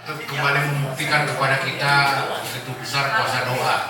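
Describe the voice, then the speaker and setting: Courteous male moderator in a booming hall. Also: little pitch movement, a little fast, over music. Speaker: session moderator. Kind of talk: moderating a church event. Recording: echoey hall, distant mic, crowd and loud noise.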